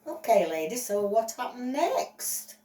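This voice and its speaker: Stern lecturing judge, a woman putting it on, slow and deliberate, mellow, echoey room. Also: fairly high pitch, sing-song, recorded from a distance. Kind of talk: playful toy play storytelling. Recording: roomy echo, voice off-mic.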